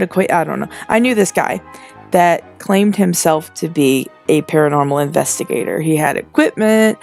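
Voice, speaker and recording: A young woman in her twenties chats through a casual storytime voiceover, rambling with lots of fillers and self-corrections. Her voice sits a bit low for a woman. Soft music plays quietly behind her. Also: creaky. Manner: chatty and rambling, frequent fillers and restarts. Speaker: storytelling narrator. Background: faint background music.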